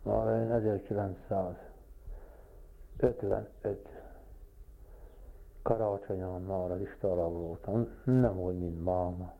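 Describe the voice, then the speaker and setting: Gravelly older man reminiscing, tinny recording. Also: sits low, fairly even intonation, long pauses. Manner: plain-spoken storytelling, repeating phrases for weight. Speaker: interviewee recalling village life. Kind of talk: oral history reminiscence. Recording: tinny lo-fi recording with faint hiss.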